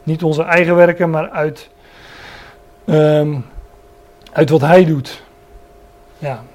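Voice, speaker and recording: Male preacher, earnest verse-by-verse teacher, somewhat raised pitch. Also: fairly even intonation, slow pace, a little mellow. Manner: earnest, stresses key words, many restarts. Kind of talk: Bible teaching sermon.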